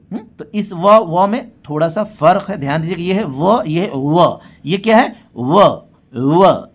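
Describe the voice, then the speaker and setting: A man teaching English letter sounds in a patient spoken lesson. He says each example word several times and keeps asking the viewer to pay attention. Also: high-pitched. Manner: often asks the viewer to notice and checks agreement.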